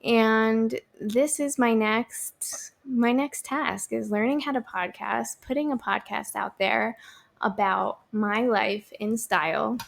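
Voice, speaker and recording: Slow-talking, gravelly woman in her thirties. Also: on the high side, fairly even intonation. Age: 30s. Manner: chatty, lots of fillers and restarts, upbeat. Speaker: podcast host. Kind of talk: solo podcast chat.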